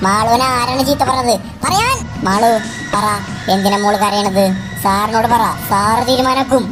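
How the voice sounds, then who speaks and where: A woman's voice: a little high, animated, moderate pace, loud music behind the voice, close to an everyday voice. A woman voicing a stern male schoolteacher who presses his class for answers. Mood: demanding. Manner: pressing, demanding. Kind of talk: fan cartoon dub.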